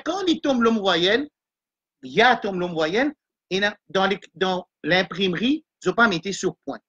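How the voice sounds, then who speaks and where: A woman teaching Quran reading in a live online class, going through the letters point by point and slowly chanting verses. Her voice sits at a middling pitch. The stream audio is dull and lo-fi. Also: a bit bright.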